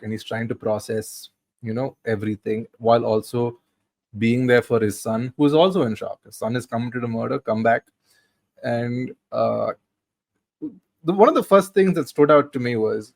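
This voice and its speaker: A man's voice: mid-range voice, gravelly. A man in his thirties with a mid-range voice recounts scenes for a film podcast, loose and conversational with frequent restarts. The sound is dry and close, with no room echo. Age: 30s. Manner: storytelling, many restarts. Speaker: podcast co-host. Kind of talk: casual film discussion.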